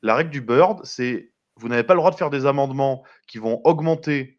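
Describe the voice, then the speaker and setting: Male commentator, mid pitch, chatty explainer with hesitations, muffled lo-fi recording. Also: fairly quick. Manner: explanatory, conversational, frequent hesitations. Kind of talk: political news commentary.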